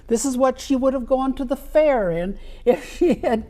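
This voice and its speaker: A woman talking carefully through the details of antique doll clothing in a relaxed show-and-tell chat. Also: high voice, normal speed. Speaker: doll collector guest.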